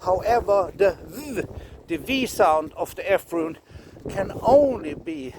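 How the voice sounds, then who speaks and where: A man from Scandinavia, teaching casually in a halting way, often repeating himself and laughing. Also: high-pitched, expressive, noisy background. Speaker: runologist teacher. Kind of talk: casual explanatory lesson.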